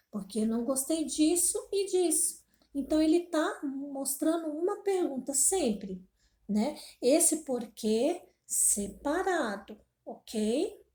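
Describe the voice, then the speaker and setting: A woman's voice: sits high, mellow, reverberant. A woman teaching a grammar lesson, repeating each point and checking in with her listeners often. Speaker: Portuguese teacher.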